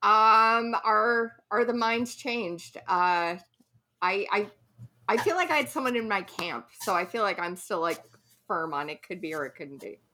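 A woman's voice: mid-range voice, lively intonation, a little slow, sharp tone. A woman hosting a casual, chatty conversation. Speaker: podcast host. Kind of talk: casual chat.

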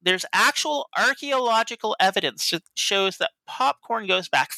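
A man's voice: high-pitched, normal speed, creaky, no room sound, poor audio. A man co-hosting a podcast, playful and sharing fun facts in casual chat. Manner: playful, animated, shares facts. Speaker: podcast co-host.

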